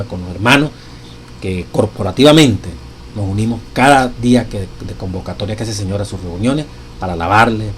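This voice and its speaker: A man's voice: lowish voice, a little hiss or hum, poor audio. A man teaching a Bible study lesson, earnest, reading quotations with emphasis and closing with blessings for his listeners. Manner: warm pastoral blessings to listeners. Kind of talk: Sabbath school lesson study.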